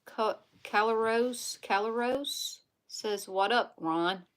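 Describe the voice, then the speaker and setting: A woman's voice: fairly high pitch, slow pace. A woman hosting a casual livestream from home, reading viewer comments aloud in a chatty way. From Louisiana. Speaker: livestream host.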